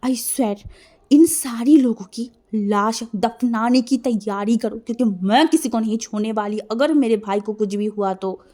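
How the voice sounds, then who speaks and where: A woman voicing an enraged, protective sibling who shouts threats in a storybook reading. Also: mid-range voice, measured pace. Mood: furious.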